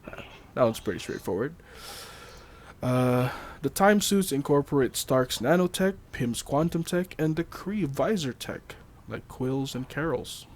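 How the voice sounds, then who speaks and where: A man's voice: medium pitch, lively intonation, unhurried. A man hosting a casual chat, reading trivia notes loosely with fillers, laughs and the odd swear. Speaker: podcast host.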